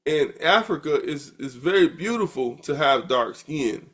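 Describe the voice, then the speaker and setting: A man's voice: a little high, animated, a little slow, fairly bright tone. A middle-aged man from the United States giving a recorded university lecture in a conversational way, often repeating words as he thinks. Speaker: university professor.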